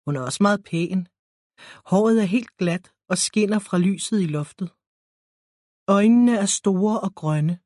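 A woman reading a story aloud in a calm, even narrating voice. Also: medium pitch, dry recording, studio quality. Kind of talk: scripted narration.

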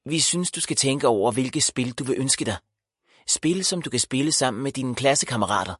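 A man voicing a cheerful, eager mother in an audiobook, brisk and upbeat. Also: medium pitch, a bit bright, slightly rough, dry recording, clean studio sound.

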